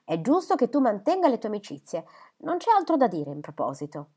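A woman voicing a kindly, brisk middle-aged gentleman in a storybook reading, fond but curt. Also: on the high side, wildly swooping pitch, breathy edge, exaggerated voice.

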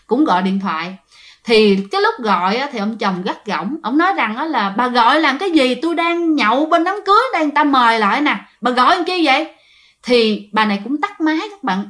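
A woman's voice: on the high side, fairly bright tone. A woman telling a ghost story in a chatty way, speaking straight to her listeners with many fillers. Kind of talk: told ghost story narration.

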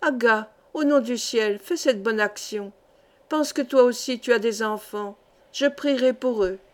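A woman's voice: a little high, measured pace, natural voice. A woman reading aloud voices a desperate sixty-year-old peasant grandmother who pleads breathlessly for passage in a storybook. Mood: pleading.

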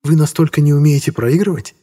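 A cold, sarcastic businesswoman with a raised, husky voice, as a male audiobook reader puts her on. She speaks coolly and with biting irony. The tone stays dark and mellow despite the lift. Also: a little high, fast talker, voice pushed up. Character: cool sharp-tongued businesswoman.

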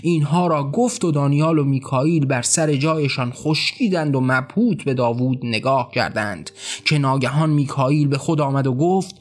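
A man reading his own philosophical novel aloud as an audiobook, dramatic and measured. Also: medium pitch. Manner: dramatic, voicing characters' angry outbursts. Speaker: author and narrator. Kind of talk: scripted audiobook narration.

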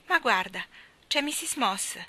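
A woman's voice: a little high, lively intonation, measured pace, bright, forceful tone, voice pushed up, exaggerated voice. Woman doing a flustered, fretful mother.

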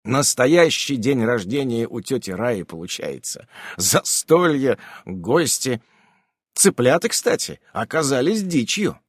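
A man's voice: medium pitch, big pitch swings, slow pace, breathy edge, no room sound, studio quality. A man narrating a humorous story in a wry, conversational manner.

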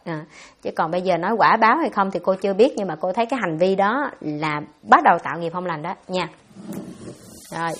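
Brief: nun, rapid-fire dharma Q&A, blunt and scolding, mid-pitched. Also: female voice. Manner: blunt, scolding, fast-talking. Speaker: Buddhist nun answering questions. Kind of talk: dharma talk Q&A.

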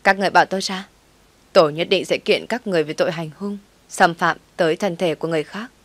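A woman's voice: lowish voice, fairly even intonation, fast talker, no echo, close to an everyday voice. A woman voicing a defiant young mistress who protests and threatens.

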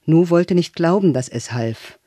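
Man reading a novel, slightly high voice. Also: lively intonation, unhurried, warm tone, slightly rough, no room sound. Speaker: audiobook narrator. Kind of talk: literary audiobook narration.

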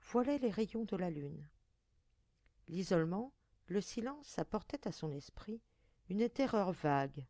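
A woman narrating a folk tale in a measured, expressive reading voice. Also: mid-range voice, dry recording, clean studio sound. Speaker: audiobook reader.

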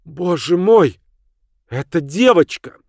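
A man's voice: medium pitch, big pitch swings, unhurried, a little mellow, no room sound. A man voicing an agitated older woman who talks with urgent, emphatic pleading. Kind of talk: audiobook character voice.

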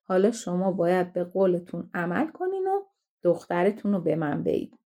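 A woman's voice: fairly low pitch, lively intonation, warm tone. A woman reading the part of a sly young chancellor's son in a fairy tale, insistent and defensive. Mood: demanding.

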